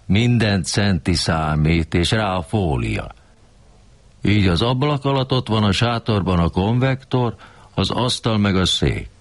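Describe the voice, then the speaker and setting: A man's voice: sits low, no room sound. An older man performing a coarse, grumbling, rambling comic monologue.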